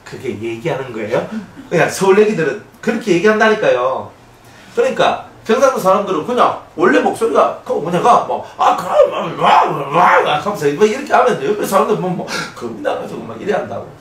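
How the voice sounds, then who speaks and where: A man with a Gyeongsang accent preaching a sermon as pastor, animated, acting out quoted voices and asking the congregation for agreement. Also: high voice, quick pace. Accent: Gyeongsang Korean. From Gyeongsang region, Korea. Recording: echoey room, somewhat distant mic, faint noise.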